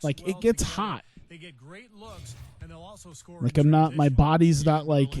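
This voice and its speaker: A fairly high-pitched yet dark-toned voice talks slowly over a video game. The gaming YouTuber sits at his computer in a home room, rambling casually with many fillers, his sinuses audibly stuffed up.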